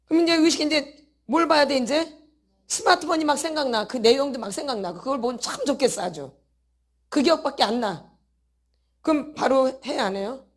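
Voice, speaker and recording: A woman with a high-pitched voice gives a church teaching talk to a congregation. She keeps checking in with her listeners through rhetorical questions and slips into a casual voice to act out inner thoughts. She repeats key words to drive her points home. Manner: asks the audience many rhetorical questions.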